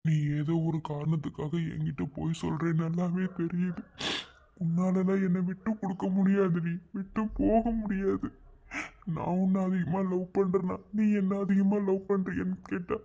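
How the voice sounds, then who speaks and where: A man's voice: very high-pitched, a little slow, lo-fi sound. A man voicing a devoted, heartbroken young college man in a cartoon love story, pleading and near tears. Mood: soft, devoted.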